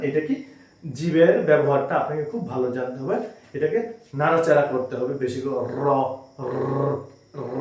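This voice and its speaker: Man, teacher, reading lesson, patient repetition, fairly high voice, very echoey room. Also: darkish tone, distant mic. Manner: patient, repeats each sound slowly several times.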